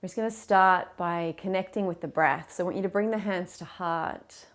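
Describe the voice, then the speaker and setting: Her fairly low voice guides a yoga class as she calls out breath and movement cues. The teacher stays gentle, encouraging, and unhurried throughout.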